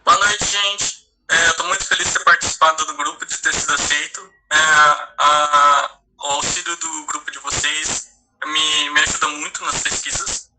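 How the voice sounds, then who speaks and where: A man's voice: on the high side, fairly even intonation, over music. Hesitant Brazilian man in his thirties. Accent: Brazilian Portuguese. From Paraná, Brazil. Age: 30s. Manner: halting, many restarts and hesitations. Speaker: lawyer and guest speaker. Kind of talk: personal testimony. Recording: noisy line with clicks.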